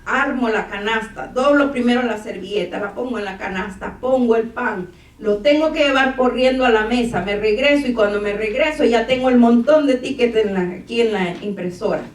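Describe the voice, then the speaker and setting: A woman's voice: fairly high pitch, moderate pace. A middle-aged woman, telling a story in a church testimony sermon and acting out the dialogue. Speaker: church speaker. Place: church hall. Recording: echoey church room, from far off.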